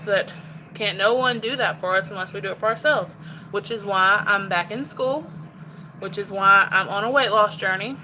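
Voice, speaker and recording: A woman's voice: mid-range voice, bright, forceful tone, slight background noise, rough recording. A woman chatting candidly to her phone while cooking in her home kitchen. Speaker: cooking vlogger. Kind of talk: casual chat while cooking.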